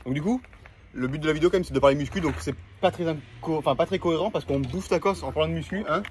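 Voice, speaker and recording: A young man, hosting a casual vlog with loud, slangy chat. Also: fairly high pitch, fast, slight background noise. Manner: slangy, loud and hyped, talking to camera. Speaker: vlogger. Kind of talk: casual chat while eating. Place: in a car, then at a table eating.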